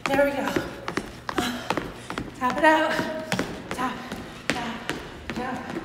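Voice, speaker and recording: A woman's voice: high-pitched, drawn-out words. A woman fitness trainer leading a home workout, giving upbeat coaching cues, counting down and cheering. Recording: echoey room with long reverb and noise.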